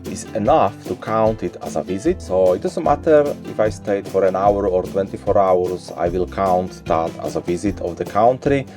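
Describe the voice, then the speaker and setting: A man in his forties from Slovakia, a native Slovak speaker, chatting casually to camera as a travel vlogger in a relaxed way. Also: deep voice, moderate pace, few pauses, over music. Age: 40s.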